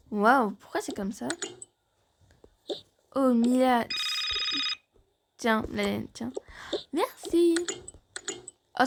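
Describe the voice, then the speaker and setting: A woman performs every part of a home-made fan drama, moving between family characters as they tease each other. Her voice sits fairly high, and she takes her lines at an unhurried pace. A faint hiss runs under the recording.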